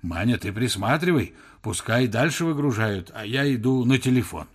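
A man voicing a fussy, excitable provincial farm manager who talks in a doting way. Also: medium pitch, normal speed, slightly rough.

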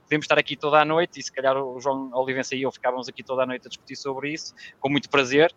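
Fast-talking European Portuguese football analyst. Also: male voice, medium pitch, flat delivery, a bit bright, highs cut off. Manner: analytical, lays out points in order. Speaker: football commentator guest. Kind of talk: casual football analysis chat.

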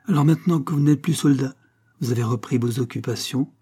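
A man voicing a young woman nurse who speaks courteously and gently, with a slightly raised pitch. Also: brisk, husky. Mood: polite interest.

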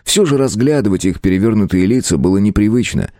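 A man reading an audiobook, his delivery lively with wide swings in pitch. The sound is dry and close, with no room behind him. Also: quick pace, dry recording. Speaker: audiobook narrator. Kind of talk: scripted narration.

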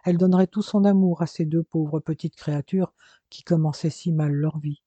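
A man reading a dramatic novel aloud in measured, scripted narration. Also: fairly high pitch, steady tone, warm tone, slightly rough, no echo. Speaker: audiobook narrator. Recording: dull, dry lo-fi recording.

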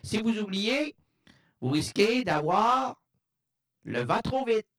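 Man, voice run through a changer filter, pitch swinging widely, slow rambling stammered comedy bit. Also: very animated, a bit bright. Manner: stammering, jokey wordplay. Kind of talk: rambling comic monologue.

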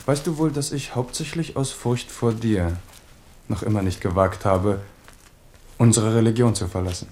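A man's voice: on the low side, moderate pace, a little mellow, slight background noise, lightly acted. Actor as an amorous, commanding French king. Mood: brooding, reproachful. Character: King Henri, worldly amorous monarch, passionate and commanding. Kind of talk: 1970s German radio drama acting.

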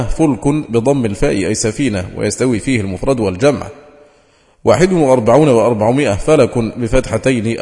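Man reading slowly in a reverberant hall. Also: medium pitch, darkish tone. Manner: measured, deliberate entry-by-entry delivery. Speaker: sheikh reading an audiobook. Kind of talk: scripted reading of a classical glossary.

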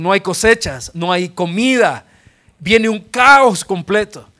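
A male pastor with a Salvadoran accent preaches a sermon and retells Bible stories with lively humor. His voice sits clearly high for a man, and his delivery is animated. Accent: Salvadoran Spanish.

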